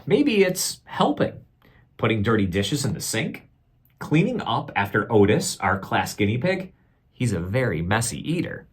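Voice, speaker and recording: Reading a picture book aloud for children, a man uses a teacher's expressive, measured style and stops now and then to ask them questions. His voice is husky and medium in pitch.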